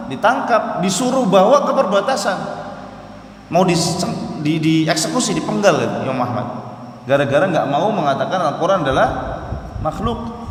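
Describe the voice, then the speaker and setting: A man's voice: sits high, a little hiss or hum. A man with an Indonesian accent giving a study-circle lecture to a congregation, telling history with rhetorical questions and sudden bursts of emphasis. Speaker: Islamic study teacher. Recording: echoey hall with long reverb.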